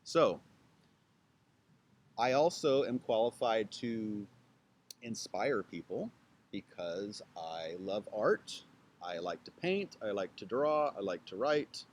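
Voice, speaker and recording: Outdoors with trees behind him, a chatty YouTube channel host who speaks English natively introduces himself casually to the camera. His sing-song pitch swings up and down, and he jokes playfully, spelling out words slowly letter by letter.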